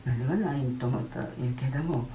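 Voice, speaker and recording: Older lady telling her testimony, low mellow voice, lots of pauses, echoey church room. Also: a little hiss or hum. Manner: halting, with many pauses and fillers. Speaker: church member giving testimony. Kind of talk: personal testimony. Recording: roomy church hall.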